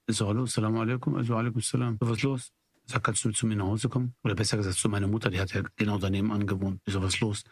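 A man with a low, rough, husky voice tells a long story in a loose, rambling way. He acts out the back-and-forth of a conversation and fills the pauses with hesitations. The sound is close and dry. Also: no room sound. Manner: rambling storytelling with quoted dialogue and fillers. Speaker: storyteller guest. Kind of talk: casual spoken anecdote.

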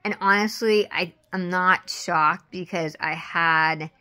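A woman talks through a rambling video diary with a finger pressed to her lip. Her speech is a little hindered by new dentures and full of fillers. Her voice is fairly low but bright and forward. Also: fairly even intonation, slow. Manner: chatty, rambling, many fillers. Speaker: vlogger.

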